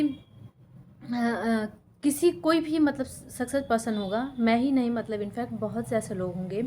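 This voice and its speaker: There's a little hiss or hum behind this young woman from Uttar Pradesh's Sultanpur district as she chats about her life with her viewers, checking in with them often. A teacher and YouTuber, she has a voice on the high side with a darkish tone.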